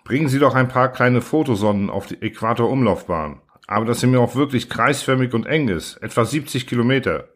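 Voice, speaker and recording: A man voicing a gruff, irritable starship commander who is blunt and sarcastic, in an audiobook reading. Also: mid-range voice, expressive, brisk, few pauses, close to an everyday voice. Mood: weary, blunt. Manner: blunt, sarcastic, flares into shouting.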